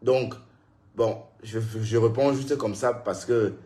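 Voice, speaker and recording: A man with a somewhat low voice talks casually on a live stream. He scolds a critic head-on and turns to his viewers between points, sounding tired from his day. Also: steady tone, slow, warm tone.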